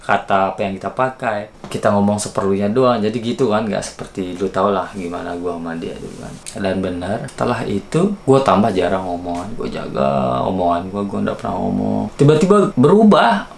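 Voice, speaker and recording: A man with a low, gravelly voice chats through a personal story, speaking straight to the listener. The recording sits in an echoey room with faint noise behind it. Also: animated, moderate pace, few pauses. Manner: chatty, confiding, talks straight to the viewer. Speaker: vlogger. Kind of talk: casual storytelling to camera.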